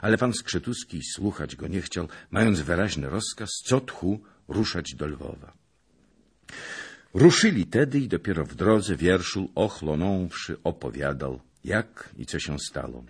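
Very deep, slow, husky male narrator. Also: animated. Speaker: audiobook narrator. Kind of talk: audiobook reading of a historical novel.

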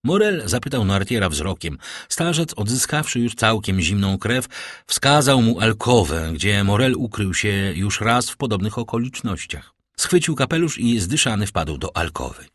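A man narrating a novel as an audiobook with expressive storytelling delivery. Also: on the low side, normal speed, dry recording, studio quality.

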